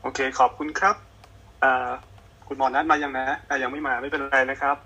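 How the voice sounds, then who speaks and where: A man moderating an online panel, polite and quick, thanking and introducing speakers. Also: medium pitch, little pitch movement, pushed and bright, breathy edge, dull audio.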